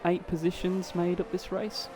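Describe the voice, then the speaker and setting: A tired man giving relaxed live commentary on an online sim race, chatting casually with viewers and drivers. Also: high voice, moderate pace, background noise. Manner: laid-back, chatty, addresses viewers and drivers directly.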